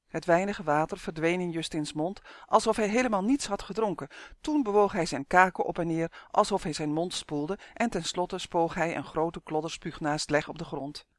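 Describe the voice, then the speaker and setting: A man with a fairly high voice reads a children's story aloud, lively and expressive. The sound is close and dry, with no room behind him. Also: no room sound. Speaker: audiobook reader. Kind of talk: storybook narration.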